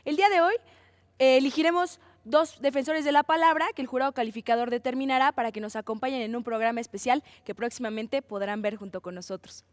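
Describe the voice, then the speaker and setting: A woman hosting a televised university debate show in a formal, brisk announcer style. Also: high voice, dry recording. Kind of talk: scripted TV hosting.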